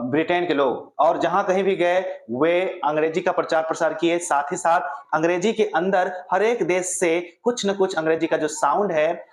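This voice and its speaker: Here a man with a voice on the high side teaches pronunciation at a classroom board. He's an English teacher who poses questions to himself and answers them for viewers, and the sound is reverberant.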